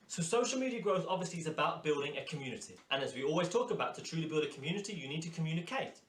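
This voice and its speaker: A man's voice: fairly high pitch, fairly bright tone. A man giving a motivational course lecture as a hairdressing instructor, emphatic and fond of repeating his key phrases. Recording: roomy echo.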